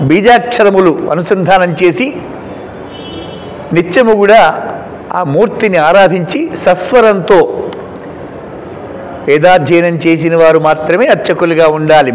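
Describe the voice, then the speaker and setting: A man with a high voice teaches scripture in a devotional discourse, leaning hard on key words and then dropping to quiet asides. His voice rings through a hall with a long reverb tail. A faint hum of background noise sits under the talk. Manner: emphatic, instructive, swings between loud stresses and quiet asides. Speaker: religious discourse speaker.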